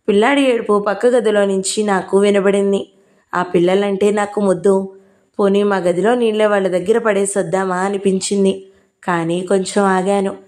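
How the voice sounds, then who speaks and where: A woman reads a novel aloud in the first person, as the narrator of an audio book. Her storytelling is expressive and personal, and she grows quicker and more heated when the talk turns to argument. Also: mid-range voice.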